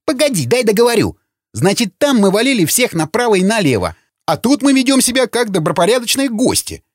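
A man voicing a hot-headed, bitter young soldier who snarls and shouts in arguments. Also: sits high, lively intonation, brisk, no room sound, voice pushed up. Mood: angry, shouting. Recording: dry studio with faint music.

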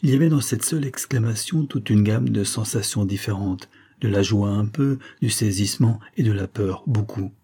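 A man reading a romantic novel aloud at a measured, even pace. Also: lowish voice, slightly rough. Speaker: audiobook reader.

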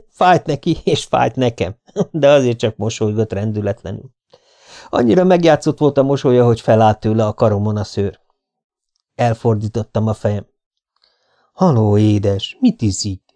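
A man narrates a gritty audiobook in a dry, laconic, hard-boiled way. His voice is mellow and warm, pitched at an ordinary male level, and he reads without hurry. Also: gravelly. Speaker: audiobook reader. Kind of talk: first-person audiobook narration.

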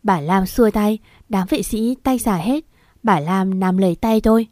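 A woman's voice: mid-range voice, a little slow, darkish tone, no room sound. A young woman tells a first-person story in a close, dry recording. She voices the other characters herself and lets her pleas rise into cries when the scene turns desperate. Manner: acts out the dialogue, pleading cries.

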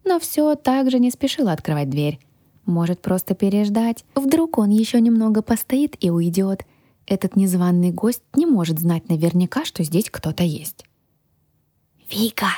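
A woman narrating a first-person fantasy audiobook in a lively, expressive way. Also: mid-range voice, moderate pace, no echo, studio quality. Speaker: audiobook reader.

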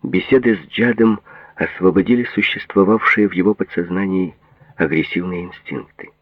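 A man narrating a detective novel as an audiobook in a steady, expressive reading. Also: sits low, normal speed, dry recording. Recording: thin phone-like audio.

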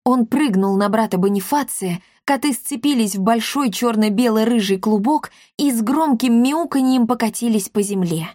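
A woman's voice: a little high, moderate pace, hardly any pauses, dry recording, clean studio sound. Woman reading a children's fantasy story. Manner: lively expressive reading. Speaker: audiobook narrator. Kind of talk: scripted storybook narration.

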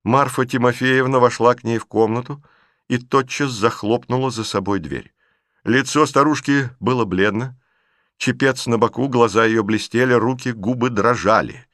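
A man narrating a classic novel as an audiobook, in a measured storytelling manner. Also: medium pitch, a bit bright, dry recording, studio quality.

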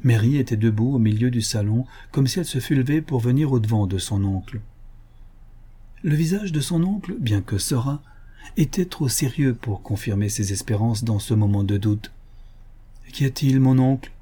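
A male narrator reading a classic novel aloud in a steady, measured manner. His voice is mellow and dark, with a slightly husky grain, at an ordinary pitch. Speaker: audiobook narrator.

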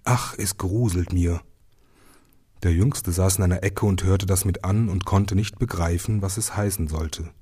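A male storyteller reading a fairy tale aloud. His voice sits low and sounds husky. He drops to a hush for the eerie passages. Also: steady tone, normal speed, hardly any pauses.

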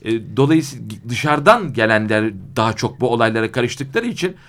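A man who is a guest in a radio studio lays out historical events at a slow, deliberate pace. He pauses often and fills the gaps with hesitation sounds, and his voice sits at an ordinary pitch. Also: big pitch swings, fairly bright tone. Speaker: studio guest, legal scholar. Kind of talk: radio interview, explaining history.

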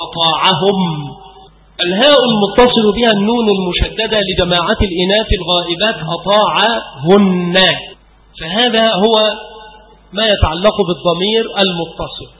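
A man's voice: high-pitched, fast talker, narrow, tinny audio, slight background noise. A man giving a grammar lesson as a teacher, asking questions and answering them himself while drilling example words. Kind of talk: lecture explaining grammar. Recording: echoey hall with long reverb.

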